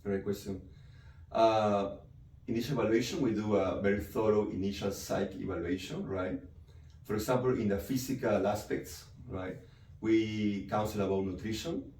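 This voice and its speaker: Recorded far off in an echoey room with a faint hiss, a male psychiatrist from Peru gives interview answers in a deep, mellow voice. His style is explanatory, with regular "right?" and "you know" tags.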